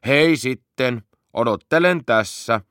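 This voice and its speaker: A man's voice: mid-range voice, lively intonation, a bit bright, clear, resonant tone, no echo, clean studio sound, voice pushed up, natural voice. A man voicing a polite, cheerful young male bear in a children's audiobook.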